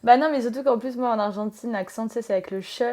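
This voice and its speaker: A woman's voice: fairly high pitch, fast talker, a little mellow. A young woman from France, a tattoo artist and podcast guest, chatting casually and rambling with lots of filler sounds.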